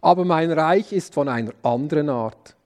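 A man reading a calm, dignified prophet. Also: fairly high pitch, normal speed, pitched below the performer's own voice, natural voice. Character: calm, dignified man claiming a heavenly kingdom.

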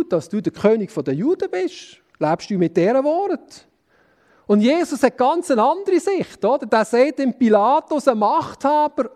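A preacher with a fairly high male voice reads a Bible story and then explains it. He thinks aloud, restarting and repeating words as he goes. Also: a little mellow. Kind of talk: Bible reading and sermon.

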